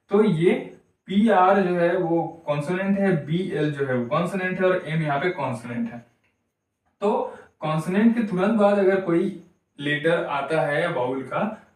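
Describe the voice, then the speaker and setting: A high-pitched man teaching English words in a very echoey classroom, heard from a distance. He speaks at an unhurried pace and drags out each word, syllable by syllable, as he drills pronunciation. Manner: repeats words slowly, syllable by syllable. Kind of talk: classroom lecture. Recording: very echoey room, mic far off.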